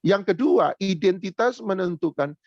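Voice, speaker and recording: A man's voice: high voice, lively intonation, a little slow, creaky, darkish tone, no room sound, muffled recording. A man preaching a sermon, telling a personal story and repeating phrases for emphasis. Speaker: pastor.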